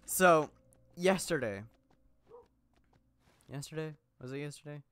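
A man's voice: fairly high pitch, slow pace, a bit bright, no room sound. Young male gaming host, slightly raised voice, rambling chatty delivery, a bit under the weather. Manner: rambling, chatty, laughs often, many fillers and restarts. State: a little sick. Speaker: gaming YouTuber. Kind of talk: casual gameplay commentary.

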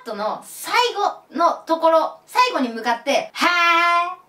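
A woman giving a casual lesson on singing and English lyrics, lively, often breaking into sung lines to demonstrate. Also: extremely high pitch, slow pace, roomy sound, distant mic. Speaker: singing teacher.

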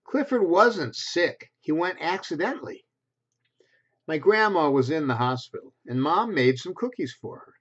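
A man in his sixties reads a picture book aloud to preschoolers at a normal speed, with a fairly high pitch and a breathy edge. He's expressive and keeps his words simple for young children, adding little asides. The recording, made on a computer webcam at desk distance in a small home bedroom, sounds dull and lo-fi.

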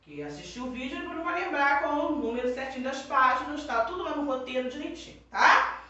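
A Brazilian woman teaching young children, dictating words slowly one at a time. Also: high voice, expressive, bright, forceful tone, far from the mic, lo-fi sound. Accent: Brazilian Portuguese. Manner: slow, drawn-out word-by-word dictation. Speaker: primary school teacher. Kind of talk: online class for young children. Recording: echoey room, voice from off-mic.

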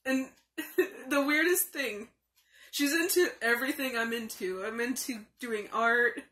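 A young woman chats casually to her vlog in a fairly high, bright voice. She rambles along at a slow, halting pace, as if thinking aloud. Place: small room indoors. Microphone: phone or webcam at arm's length.

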